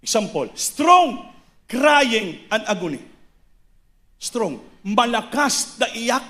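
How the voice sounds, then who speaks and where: A man preaching a sermon, impassioned, swinging between shouted lines and hushed low passages. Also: very animated, takes it slowly.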